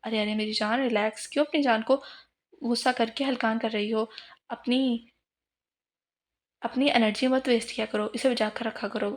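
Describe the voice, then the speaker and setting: A man's voice: extremely high pitch, fairly even intonation, normal speed, pauses often. A woman voicing a playful young husband who teases and coaxes. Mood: teasing. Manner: teasing, coaxing.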